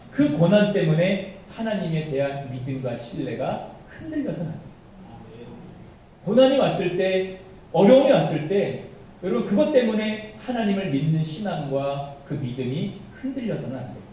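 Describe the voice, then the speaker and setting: A man's voice: high-pitched, big pitch swings, normal speed, warm tone. A man preaching a sermon as pastor, emphatic, asking the congregation rhetorical questions. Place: church sanctuary. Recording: very echoey church from far off, faint noise.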